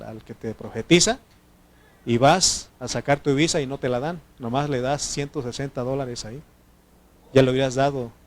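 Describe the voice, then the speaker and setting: A man preaching a sermon, teaching the congregation and checking in with frequent questions. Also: a little high. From Mexico. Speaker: pastor.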